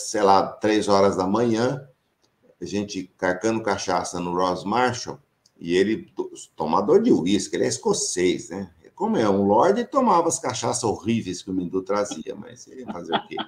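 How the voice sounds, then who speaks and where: A middle-aged Brazilian professor and association founder reminisces casually in Brazilian Portuguese with a São Paulo countryside accent. His voice is fairly low with vocal fry, and he laughs often and acts out quoted dialogue.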